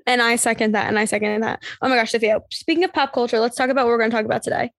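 Brief: young woman, 19, podcast co-host, playful and chatty, slightly high voice, dry booth sound. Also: fairly even intonation, rapid-fire, gravelly, a bit bright, dry recording. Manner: bubbly, joking, filler-heavy. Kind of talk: casual chat.

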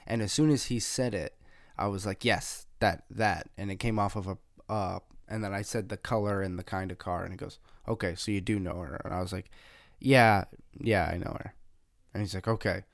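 Young male podcast host, low voice, dry close mic, casual profane storytelling. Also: brisk, dry recording. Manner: swears freely, animated retelling with quoted dialogue.

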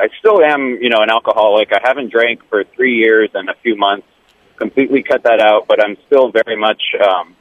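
A fairly low-voiced man calls in from his car, his voice squeezed through a thin, tinny phone line. He rambles and hesitates, leaning on ums and uhs as he talks. The sound is close and dry, with no room around it. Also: no echo. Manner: rambling, hesitant, many fillers. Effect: phone call from a moving car. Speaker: caller. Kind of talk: casual call-in chat.

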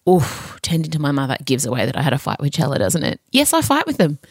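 A middle-aged woman with a slightly low voice hosts a podcast, recorded close and dry. She chats in a confessional, theatrical way, candid, sweary and happy to mock herself. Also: very animated, quick pace, husky, no room sound. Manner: sweary, theatrical, self-mocking candour. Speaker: podcast host. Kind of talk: chatty, confessional solo podcast monologue.

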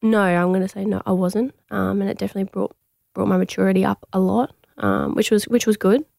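A young woman from Australia chats casually as an interview guest, her level voice held to a narrow range with a gravelly fry. She talks in a relaxed way, full of fillers and restarts, in a dry, close studio sound. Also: mid-range voice, fairly quick, no room sound. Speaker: guest, athlete.

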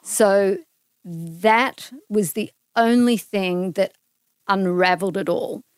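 A middle-aged woman with an Australian accent talks earnestly through a personal story as an interview guest, her voice smooth and clear. The sound is close and dry, with no room around it. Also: mid-range voice, slow, no room sound. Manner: earnest, animated retelling with acted-out quotes.

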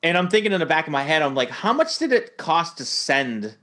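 A man's voice: on the high side, brisk. A young man co-hosting a podcast, chatting casually and acting out movie lines as he retells them. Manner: animated storyteller, acts out movie lines. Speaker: podcast co-host. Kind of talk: casual chat.

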